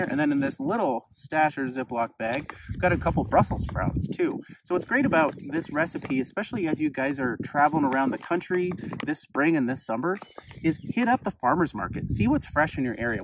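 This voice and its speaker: A man's voice: fairly high pitch, background noise. A man in his thirties, a chef giving a casual, chatty outdoor cooking demonstration while sitting on a rock in open grassland. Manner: upbeat, chatty, easygoing.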